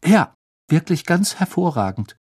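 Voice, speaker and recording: Guy playing a graceful young foreign woman, polite, higher husky voice, storybook. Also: a little slow, a little mellow.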